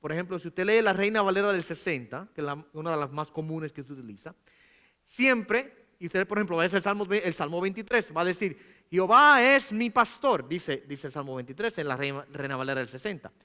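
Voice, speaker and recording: High bright-voiced man teaching a sermon. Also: a little fast. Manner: explanatory, reads scripture aloud with emphasis; asks rhetorical questions, frequent "¿verdad?". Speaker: pastor. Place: church.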